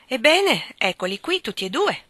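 A woman reading an audiobook, voicing a fond, gentle mother speaking to her children. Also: on the high side, very animated, normal speed, slightly rough, no room sound, voice pushed up, heavily acted. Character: warm doting mother knitting by the fire.

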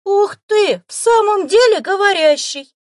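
Woman voicing Marik, a squealing excited boy. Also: high voice, measured pace, no room sound, studio quality, pitched above the performer's own voice, heavily acted. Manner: breathless, squealing with delight. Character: excitable, awestruck young boy, eager and loyal.

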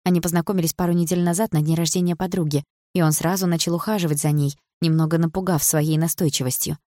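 Woman reading a novel, low voice. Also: fairly even intonation, fast, mellow, dry recording, studio quality. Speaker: audiobook narrator. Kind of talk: scripted narration.

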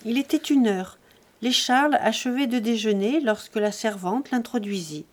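A woman narrating a classic novel as an audiobook, in an even, measured storytelling voice. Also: a little high.

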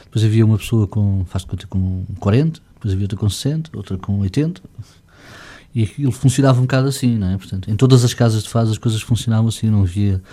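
A man's voice: fairly low pitch, fast talker, dark tone. A middle-aged man with a slightly grainy voice, chatting reflectively as an interview guest with many restarts. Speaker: fado singer, guest. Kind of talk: casual interview chat.

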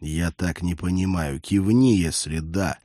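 A man's voice: deep voice, unhurried, warm tone, no room sound, studio quality. A man voicing an exhausted young male soldier in an audiobook, muttering breathless, sarcastic remarks. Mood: grim sarcasm.

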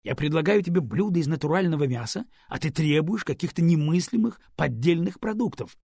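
A man voicing a haughty, quick-tempered rich woman who speaks with indignant, raised delivery. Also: fairly high pitch, lively intonation, creaky, darkish tone, slightly rough, dry recording, clean studio sound, voice pushed up, heavily acted.

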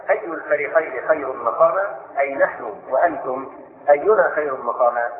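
An older man teaches scripture at a brisk clip, slowing only to recite the verses he quotes. His voice sits in an echoey room and comes through a thin, phone-like line. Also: fairly high pitch. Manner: quick explanatory delivery, slows to recite verses. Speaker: Islamic scholar giving Quran commentary. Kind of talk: spoken Quran commentary lesson.

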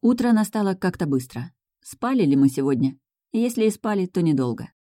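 An audiobook narrator reading a first-person fantasy romance in a calm, measured way on a close studio microphone. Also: medium pitch.

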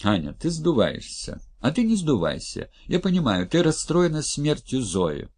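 A man with a raspy voice voicing a rude, greedy male recruiter who shrieks and hurls insults in an audiobook. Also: fairly high pitch, huge pitch swings, normal speed, a little mellow, pitched above the performer's own voice, full character voice. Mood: coaxing.

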